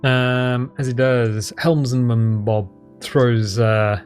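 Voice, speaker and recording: A man improvising narration as game master of a tabletop game, halting and hesitant. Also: medium pitch, fairly even intonation, a little mellow. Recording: music playing behind the voice.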